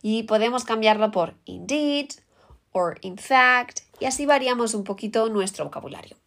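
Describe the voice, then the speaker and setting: In a cheerful language lesson, a woman with a Peninsular Spanish accent explains English vocabulary and reads the example words aloud in English. Her voice is a little high and fairly bright, with a moderate pace.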